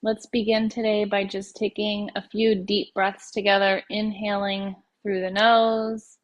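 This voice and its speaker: As a yoga nidra teacher, a woman leads a guided meditation in unhurried phrases broken by gentle pauses. Her mid-range voice has a flat delivery.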